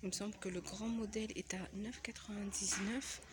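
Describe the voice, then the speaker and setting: A woman with a cold films a walkthrough vlog inside a large home decor store. She speaks softly, often sliding into a near whisper, at a middling pitch for a woman. Steady store noise runs under her voice. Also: brisk. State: has a cold.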